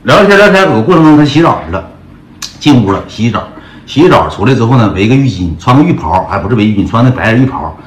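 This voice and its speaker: Fast, animated Northeastern Chinese man. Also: medium pitch. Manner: animated and crude, acting out every voice. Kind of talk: comic personal storytelling. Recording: echoey room with loud music.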